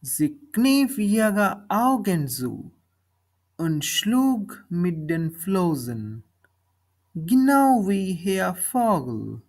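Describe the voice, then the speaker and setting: A woman reading a children's story slowly, speaking each line and then its translation. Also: fairly low pitch, sing-song, darkish tone. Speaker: narrator of a bilingual story. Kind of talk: slow storybook reading in German and English.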